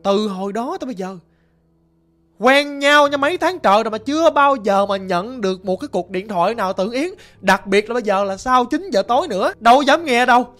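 A man's voice: very high voice, expressive, brisk, a bit bright. A man voicing an anxious young man who stammers and frets, in a Southern Vietnamese accent. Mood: flustered. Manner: flustered, stammering.

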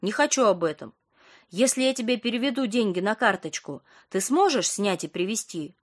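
A woman's voice: mid-range voice, expressive, moderate pace, lightly acted. A woman reading a nervous, earnest young patient. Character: young woman patient after surgery, anxious but polite.

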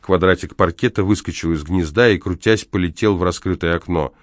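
A man narrating an audiobook in a measured, even reading. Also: deep voice, no echo, clean studio sound. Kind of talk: scripted narration.

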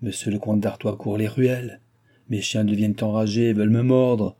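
A man's voice: on the low side, steady tone, moderate pace, mellow, close to an everyday voice. A man reading an audiobook, voicing an aging king who is furious and sorry for himself, grumbling and exclaiming bitterly. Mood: brooding.

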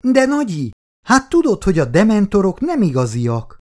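A woman's voice: mid-range voice, huge pitch swings, mellow, voice pushed up. A man reading an audiobook, voicing an eager, chatty little girl in a bouncy, exclamatory way. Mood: excited.

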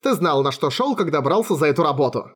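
A man's voice: a little high, big pitch swings, fast, a bit bright, husky, full character voice. A man voicing a cocky young sorceress who threatens a prisoner with teasing, coldly sweet menace in an audiobook. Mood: mock menacing.

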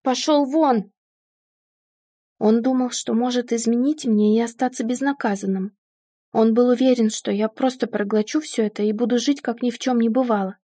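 A woman narrating a first-person story as an audiobook in a steady, measured way. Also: a little high, no echo, studio quality.

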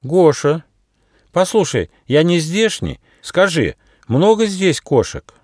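A man doing a squeaky little boy mouse. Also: very animated, slow, no echo, studio quality, exaggerated voice. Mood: eager. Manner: squeaky, eager. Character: small friendly boy mouse, eager traveller.

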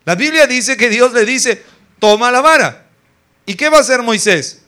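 A man's voice: very high-pitched, lively intonation, normal speed, sharp tone. A man preaching a sermon at a church service, acting out scenes and asking the congregation rhetorical questions. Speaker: pastor.

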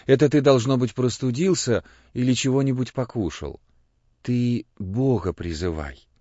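A man reading an audiobook, voicing a kindly elderly village priest who fusses over a sick boy in a gentle, fatherly way. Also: medium pitch, moderate pace, dry recording, natural voice. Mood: concerned. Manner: gentle, fatherly, clucking concern. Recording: dull, muffled audio.

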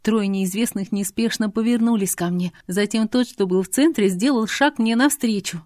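A woman reading a first-person novel aloud, in an expressive, measured way. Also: medium pitch, no echo, clean studio sound. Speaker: audiobook narrator.

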